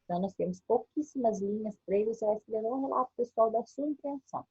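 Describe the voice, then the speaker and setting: Husky-voiced Brazilian woman teacher, patient and step by step, on a dull lo-fi home recording. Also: on the high side, fast, darkish tone. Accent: Brazilian Portuguese. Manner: patient, explains step by step with frequent "tá?" check-ins. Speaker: primary school teacher. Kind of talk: recorded remote lesson walking through a workbook.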